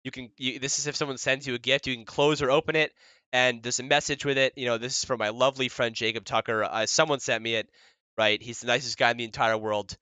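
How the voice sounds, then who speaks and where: Man, livestream demo presenter: crisp, bright tone, self-mocking jokester, dry close mic. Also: medium pitch, steady tone, fast, dry recording. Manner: joking, self-mocking, laughs often; chatty with many fillers and restarts. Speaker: developer presenting his project.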